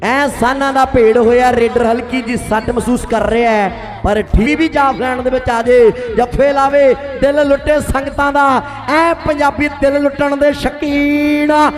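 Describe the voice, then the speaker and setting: A man with a Punjabi accent giving live kabaddi commentary in a loud, dramatic, declamatory way, with rhyming praise and rallying calls. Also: very high voice, level tone, normal speed, over music.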